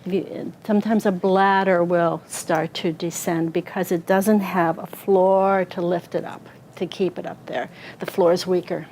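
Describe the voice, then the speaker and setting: A woman's voice: fairly low pitch, level tone, unhurried, a little mellow, a little hiss or hum. A woman pelvic floor therapist giving a conversational health talk to an audience, explaining an anatomical model and checking in with listeners. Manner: conversational, asks the audience questions.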